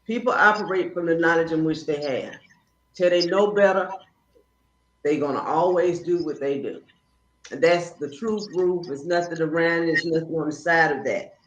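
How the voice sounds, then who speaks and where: A woman guest in casual spiritual conversation, telling stories in an animated, preachy way. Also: low-pitched, normal speed. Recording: roomy, dull, faint noise.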